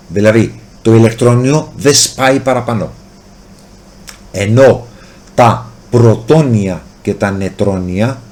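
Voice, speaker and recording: A man with a Greek accent teaching a chemistry lesson, asking questions and then answering them himself, and drawing out key words slowly to stress them. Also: medium pitch, a little mellow. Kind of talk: explanatory lesson, addressing the student directly.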